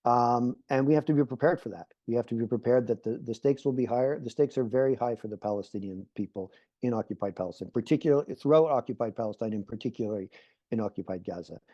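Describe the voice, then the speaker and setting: An earnest, middle-aged Canadian man, a peace activist, speaks on an online panel over a muffled video call. His medium-pitched, mellow voice moves fast, recorded dry, and he repeats phrases as he builds his points.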